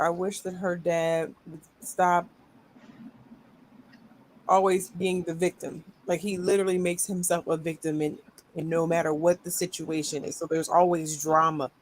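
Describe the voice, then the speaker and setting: A woman's voice: on the low side, a little hiss or hum, rough recording. Frank woman in casual chat. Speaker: podcast panelist.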